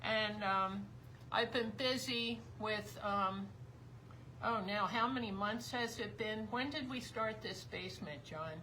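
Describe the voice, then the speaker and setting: A woman's voice: medium pitch, slow pace, bright, forceful tone, slight background noise, poor audio. A woman co-hosting a casual live craft stream from a basement room. She rambles in a chatty way, teases her husband, and her voice is slightly giving out. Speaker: craft show co-host. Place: basement tavern room of a house.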